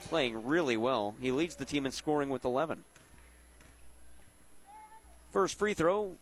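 A man's voice: mid-range voice, expressive, a little slow. A man doing live radio play-by-play of basketball in clipped phrases, tracking each pass and shot. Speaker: play-by-play announcer. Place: high school gym, courtside.

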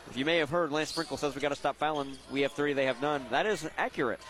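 A male sports announcer with a somewhat high voice calls a live basketball game on the radio. He works in short, clipped phrases, following the ball from pass to pass and shot to shot. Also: fast talker. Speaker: play-by-play announcer. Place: high school gym, courtside.

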